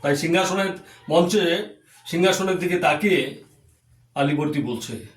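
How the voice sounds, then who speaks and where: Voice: mid-range voice, unhurried. An adult folk-theatre performer chatting casually and explaining a scene. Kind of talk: casual chat, then setting up a scene. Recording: echoey room.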